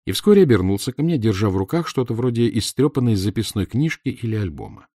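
A man narrating an audiobook in a measured, steady reading. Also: fairly low pitch, dry recording, clean studio sound.

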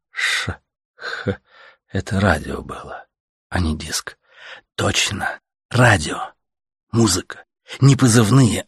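A man's voice: deep voice, slightly rough, no room sound, clean studio sound. A man narrating an audiobook in terse, clipped sentences.

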